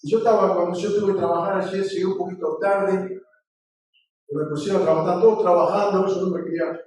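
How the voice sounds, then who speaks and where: High-voiced male pastor in echoey room. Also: flat delivery, a little fast, darkish tone. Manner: conversational preaching mixed with personal anecdotes. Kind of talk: sermon. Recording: very echoey room, mic far off.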